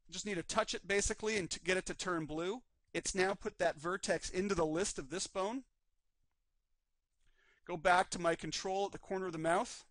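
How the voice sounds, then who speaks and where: A man teaching a live 3D rigging class, calmly narrating each step on screen while his voice is slightly worn. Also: sits high, no room sound. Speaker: 3D rigging instructor. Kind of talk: live screen-recorded software tutorial.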